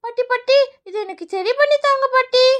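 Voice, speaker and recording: A woman voicing an excitable little girl in a children's cartoon, pleading and eager. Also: extremely high pitch, a little slow, heavily acted. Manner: excited, pleading, repeats "paati, paati".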